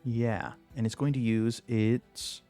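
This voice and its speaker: A man narrating a tabletop fantasy game as game master, telling it with suspense and deliberate pauses. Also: medium pitch, steady tone, dark tone, faint music behind.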